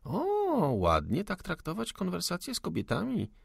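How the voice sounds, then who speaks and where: A man voicing a proud young lady of the manor, calm, witty and unafraid, in an audiobook. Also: mid-range voice, a little slow, creaky, breathy edge, no room sound, studio quality, voice pushed up, exaggerated voice. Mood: coaxing ironic. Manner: cool, ironic, unafraid.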